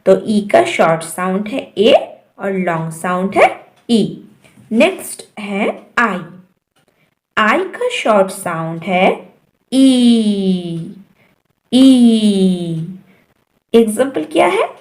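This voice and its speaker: Slow-speaking Indian woman teaching phonics. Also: medium pitch, sing-song. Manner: slow, drawn-out sounding of letters. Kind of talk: phonics lesson for parents.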